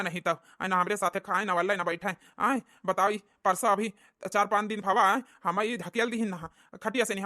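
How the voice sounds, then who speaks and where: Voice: medium pitch, pushed and bright, dry recording, studio quality, close to an everyday voice. A voice actor playing a self-pitying old village husband, complaining plaintively in a cartoon comedy.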